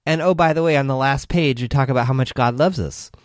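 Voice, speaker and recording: A man's voice: medium pitch, fast, no room sound, studio quality. A man co-hosting a podcast, jumping in eagerly to argue a point in a casual book discussion. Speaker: podcast co-host.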